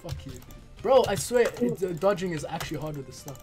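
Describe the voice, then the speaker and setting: A man's voice: fairly high pitch, animated, fairly quick, over music. A young man commentating gameplay as a hyped gamer bro, casually trash-talking and swearing. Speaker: gaming video host.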